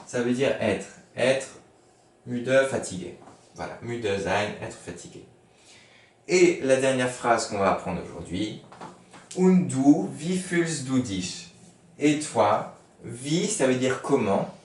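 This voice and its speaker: A man teaches German to children at a very unhurried pace. He explains patiently and leans on fillers. His voice sounds roomy and set back from the microphone. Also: medium pitch, expressive, recorded from a distance. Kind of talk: remote lesson for schoolchildren.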